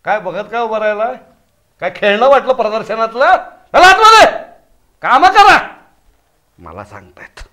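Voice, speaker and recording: Fussy, flustered husband. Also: male voice, high voice, wildly swooping pitch, a little fast, heavily acted. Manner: flustered, exasperated, loud. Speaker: householder. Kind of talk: comic sketch acting.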